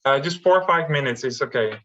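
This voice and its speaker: A man teaching an online missions class, pausing often and speaking in halting starts through an interpreter. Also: medium pitch, lively intonation, pushed and bright. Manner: halting, stops and starts with many fillers. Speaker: missions trainer. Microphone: video call. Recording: dull lo-fi call audio.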